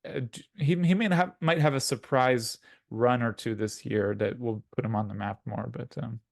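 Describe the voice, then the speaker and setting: A man co-hosts a casual podcast chat at a middle pitch. He rambles, circling back with restarts and filler words. The recording is dry and close, with no room sound. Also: moderate pace, creaky, no room sound. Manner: rambling, many restarts and likes. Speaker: podcast co-host.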